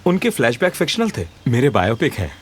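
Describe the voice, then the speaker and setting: Exasperated young son. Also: male voice, mid-range voice, wildly swooping pitch, brisk, very noisy. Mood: pleading. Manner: pleading, wheedling. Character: young man, exasperated, quick-talking son. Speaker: son of a college-going father. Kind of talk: Hindi film dub. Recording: film soundtrack with loud music.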